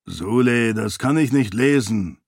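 A man voicing a big, calm, skeptical male friend who questions and protests mildly. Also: medium pitch, unhurried, gravelly, breathy edge, no echo, clean studio sound, exaggerated voice.

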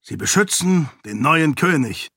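A man's voice: fairly high pitch, unhurried, fairly bright tone, dry recording, studio quality, pitched above the performer's own voice. A man voicing a greedy adult male city guard captain, raised and eager in his speech.

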